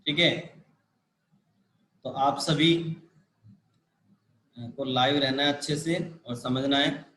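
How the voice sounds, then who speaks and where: A man's voice: medium pitch, steady tone, slow pace, bright, forceful tone, reverberant. A man teaching a live online grammar class, explaining patiently and repeating key points with frequent check-ins. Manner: repetitive, patient explaining with frequent "ठीक है" and "देखो".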